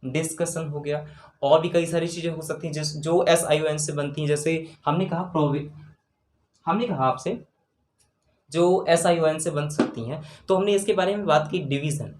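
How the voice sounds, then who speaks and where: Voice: medium pitch, normal speed, a little mellow. A grammar teacher giving an exam-prep lecture, spelling out words letter by letter and often checking in with the class. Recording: roomy room with faint background noise.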